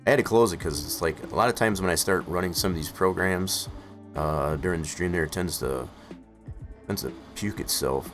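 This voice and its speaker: Male streamer, deep voice, hoarse, rambling filler-heavy chat, soft music underneath. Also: moderate pace. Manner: rambling, full of "uh" and "I guess, as far as" fillers. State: hoarse, losing his voice. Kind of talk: casual live-stream chat. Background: faint music playing in the background.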